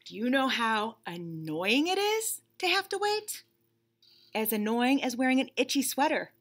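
Her voice is a little high and a bit bright, swinging widely in pitch as she takes her time. She is a teacher and children's storyteller in her thirties, reading a picture book aloud from a seat in a small room, emphatic and instructive in her expression.

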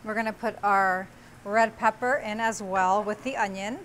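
In a moderately paced, fairly even delivery, a woman in her forties demonstrates a recipe as host of a cooking show, guiding viewers warmly step by step. Her medium-pitched voice has a fairly bright tone, captured on a lapel mic in a small studio kitchen with slight background noise.

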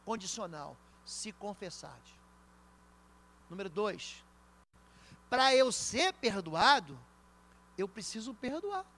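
A man with a Brazilian accent, a pastor preaching a sermon in church, telling stories and speaking straight to the congregation with emphatic swings between loud and soft. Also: high-pitched, very animated, slow, pauses often, a little hiss or hum. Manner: storytelling, addressing the congregation directly.

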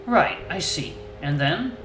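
A man playing a calm, polite hyena interrogator. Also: a little high, a little hiss or hum, voice pushed up. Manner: polite, measured, precise. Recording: echoey room with faint music.

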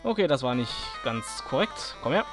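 Excitable lively-voiced man doing game commentary. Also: mid-range voice, normal speed, over music. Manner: excitable, grumbles and cheers at the game, talks to enemies. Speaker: let's play gamer. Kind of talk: casual gameplay commentary.

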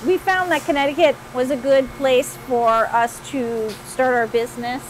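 A woman in her fifties, co-owner of a machine shop, speaking in a measured, matter-of-fact way on a lapel mic. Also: high-pitched, fairly even intonation, poor audio. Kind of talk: interview answers. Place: large bright machine shop floor, indoors. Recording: clear shop hum behind.

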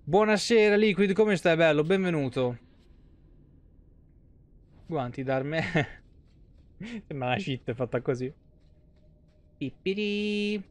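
A young Italian man gives casual live gameplay commentary as a streamer, playful and foul-mouthed. His voice is fairly high-pitched with a clean tone.

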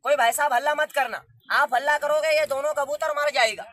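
A young man performing as a street magician, barking patter loudly at a gathered crowd outdoors. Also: very high voice, steady tone, fairly quick. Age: young adult.

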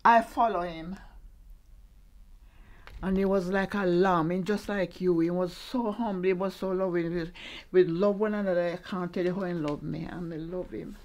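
A woman's voice: on the low side, fairly even intonation, moderate pace, darkish tone. Older woman, emphatic and plain-spoken. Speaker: grandmother. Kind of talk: casual family chat. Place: furnished living room. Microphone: camera held by someone else.

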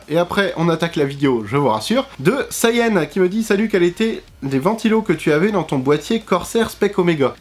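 A man giving a casual product review, chatting straight to his viewers with emphatic rises. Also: sits high. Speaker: tech reviewer.

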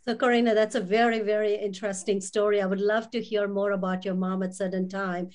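A woman's voice: medium pitch, little pitch movement, brisk, a little mellow. A woman hosting a talk show, introducing and questioning her guest with enthusiastic praise. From immigrant. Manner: enthusiastic, complimentary. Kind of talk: interview host.

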